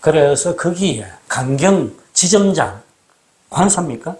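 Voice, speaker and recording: A man hosting a casual talk, explaining things in a measured, storytelling way, recorded indoors in an old house. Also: a little high, lively intonation, a little mellow. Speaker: host.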